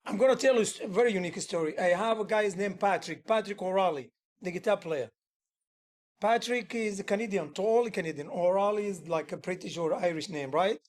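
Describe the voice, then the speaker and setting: This man, a music teacher and player, has a high voice and a fairly quick delivery. At a casual workshop he talks earnestly but rambles, restarting sentences often and using loose grammar.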